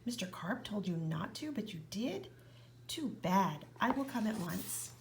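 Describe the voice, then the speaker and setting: A gruff policeman answers in a dry, matter-of-fact tone, as a woman reading a storybook puts him on. His voice is gravelly and half whispered. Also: medium pitch, big pitch swings, measured pace, background noise. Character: gruff middle-aged male policeman.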